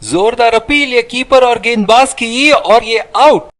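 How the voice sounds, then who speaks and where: A man giving excited cricket commentary as a commentator, exclamatory and full of admiration. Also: on the high side, normal speed, no echo.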